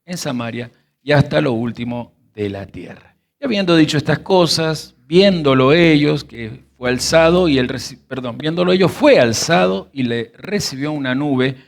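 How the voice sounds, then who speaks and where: An animated man, teaching a sermon. His voice sits a little high, and he reads scripture before stretching out key words and quizzing his listeners. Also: moderate pace, vocal fry. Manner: reads verses then explains word roots, quizzes the audience.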